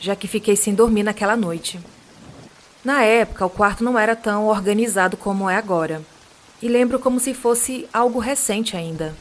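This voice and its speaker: A woman's voice: a little high, a little hiss or hum. Brazilian woman narrating eerie true tales. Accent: Brazilian Portuguese. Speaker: podcast host and reader of listener stories. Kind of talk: narrating true supernatural stories.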